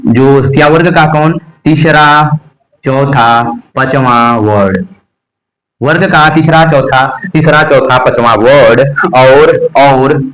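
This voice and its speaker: A man's voice: fairly high pitch, poor audio. A man teaching an exam-prep grammar lesson, drilling letters over and over and answering his own questions. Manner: slow, drilling repetition of letters and terms; asks the class questions and answers them himself.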